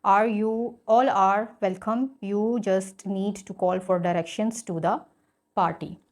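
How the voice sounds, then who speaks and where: A woman's voice: mid-range voice, steady tone, drawn-out words. A woman teacher explaining a school English lesson, reading example sentences aloud and then explaining them in Hindi-Urdu.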